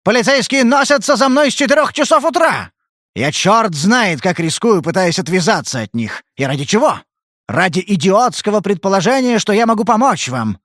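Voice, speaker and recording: A man reading an audiobook, voicing a gruff, irritable male detective who talks in a curt, blunt way. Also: on the high side, very animated, fairly quick, dry recording, studio quality, pitched above the performer's own voice. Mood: angry.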